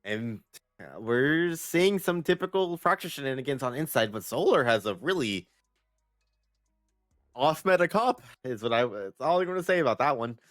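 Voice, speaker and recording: A young man commentating a live esports match, breaking down team plans in a steady, analytical way. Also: medium pitch, moderate pace, no echo, studio quality, faint music behind. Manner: steady analytical play breakdown, teasing co-caster. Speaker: esports caster.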